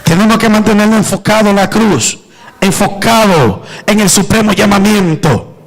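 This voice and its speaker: A man's voice: high voice, moderate pace, rough recording. A male pastor preaching an impassioned sermon to a church congregation, with emphatic calls for the listeners to respond.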